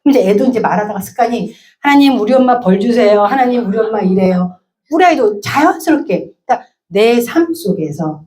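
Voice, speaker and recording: Korean lady giving a church talk, mellow low-toned voice, acts out the kids and parents. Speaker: guest speaker at a church service. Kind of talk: sermon-style talk.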